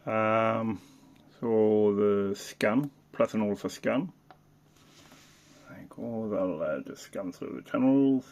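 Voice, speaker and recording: Speaking slowly with a darkish tone, a man whose fairly low voice carries heavy gravelly fry walks through a hands-on demo. He's a casual, unscripted hobbyist reviewer who pauses to think aloud over each feature.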